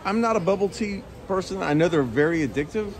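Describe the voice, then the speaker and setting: A man's voice: high voice, lively intonation, brisk, a faint crowd. A middle-aged man filming a casual travel vlog at arm's length, chatty and rambling, with frequent laughs and restarts. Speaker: travel vlogger. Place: outdoors in a village and inside a shopping mall. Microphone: handheld camera at arm's length.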